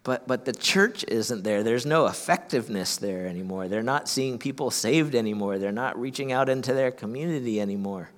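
A man's voice: mid-range voice, animated, a little fast, hardly any pauses. A man from Ohio preaching a sermon as pastor, earnest, often repeating words as he restarts. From Ohio, USA. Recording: long hall reverb.

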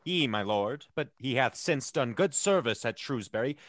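A man voicing a quiet, respectful servant answering his lord. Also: mid-range voice, lively intonation, normal speed, pitched below the performer's own voice, natural voice. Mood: deferential. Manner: respectful, subdued. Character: deferential male servant, quiet. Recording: tinny phone-like sound in an echoey room.

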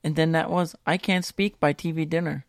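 A man's voice: on the high side, fairly even intonation, moderate pace, clear, resonant tone, no echo, studio quality. A young man hosting a casual live internet radio show from home, talking in a loose, joking, profane and rambling way.

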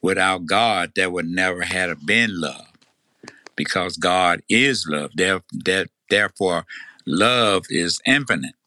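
Older guy w a tennessee accent, kinda low but bright voice, folksy n hesitant, dry close sound. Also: slow pace, dry recording. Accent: Tennessee, Southern US. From Tennessee, United States. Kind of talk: casual chat.

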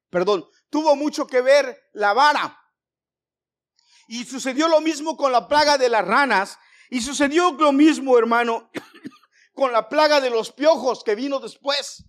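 Man preaching a sermon. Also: extremely high pitch. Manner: storytelling with jokes, addresses congregation as brothers.

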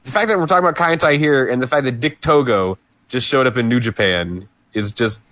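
A man co-hosting a podcast, talking about old wrestling in a relaxed, knowledgeable way. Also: medium pitch, a little fast, no room sound. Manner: relaxed, knowledgeable, easygoing with fillers. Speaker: podcast co-host.

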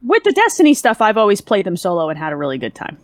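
A woman co-hosting a casual podcast chat, upbeat and quick to agree as she thinks aloud. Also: mid-range voice, huge pitch swings, dry recording, clean studio sound. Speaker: podcast co-host.

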